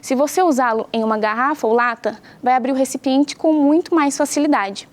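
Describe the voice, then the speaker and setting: High-voiced woman teaching science. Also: fairly quick. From Brazil. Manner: clear, patient explaining with questions to pupils. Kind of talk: home-schooling science lesson to camera.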